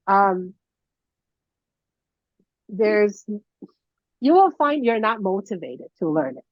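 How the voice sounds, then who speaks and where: Speaking slowly in a sing-song, mid-range voice, a young woman from Taiwan gives a relaxed, chatty lesson, often using fillers and starting over. Mandarin is her first language. The video call audio is dull and lo-fi, with no room sound.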